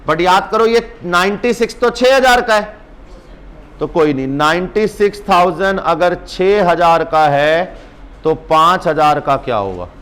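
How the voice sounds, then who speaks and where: A male accounts teacher in a brisk exam-prep lecture, teasing and urging his students on. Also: high-pitched, animated, a bit bright.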